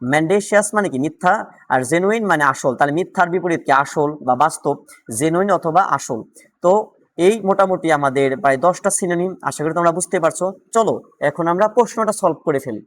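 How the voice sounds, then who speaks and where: Male tutor, Bangladeshi Bengali accent, somewhat high voice, quick question-and-answer drilling. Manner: louder and more animated when solving questions. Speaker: vocabulary teacher. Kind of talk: exam-prep lesson.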